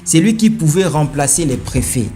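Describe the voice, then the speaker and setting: A man's voice: fairly high pitch, animated, normal speed. Male commentary host, emphatic and rhetorical, punchy delivery, faint music bed underneath. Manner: emphatic, rhetorical, rising to forceful peaks. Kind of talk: opinionated commentary.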